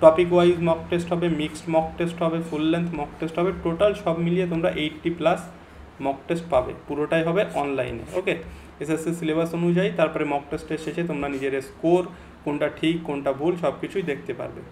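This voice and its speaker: A young male English grammar teacher with a Bengali accent, explaining an online exam-prep lesson and reading English example sentences slowly and deliberately. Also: fairly high pitch, steady tone, darkish tone, a little hiss or hum.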